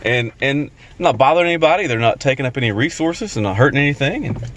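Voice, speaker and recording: A man's voice: mid-range voice, expressive, fast talker, a bit bright, a little hiss or hum. A man in his forties chatting to a handheld camera in a casual vlog, explaining things as he goes. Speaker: vlogger. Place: inside a car and outdoors. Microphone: handheld camera at arm's length.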